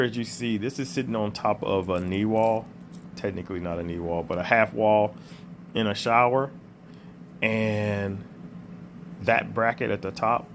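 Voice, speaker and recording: Low-voiced man narrating a how-to, under the weather. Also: a bit bright, slight background noise. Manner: plain-spoken, explanatory, addressing the viewer. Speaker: contractor giving an install tutorial. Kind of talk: casual how-to voice-over narration.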